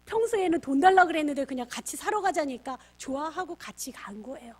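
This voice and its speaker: A middle-aged woman with a high voice delivers a parenting lecture as a pastor. She tells stories in a lively way and plays out the back-and-forth between parent and child herself. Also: brisk. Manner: lively storyteller acting out quoted family dialogue. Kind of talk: storytelling lecture for parents and teachers.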